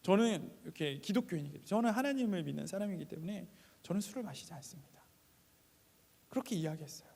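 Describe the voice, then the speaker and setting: A man preaches in a church with a high, gravelly voice, moving from hushed asides to raised appeals. The sound carries a long hall reverb. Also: animated, quick pace. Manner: storytelling, swings between quiet asides and raised appeals. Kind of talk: sermon with personal story.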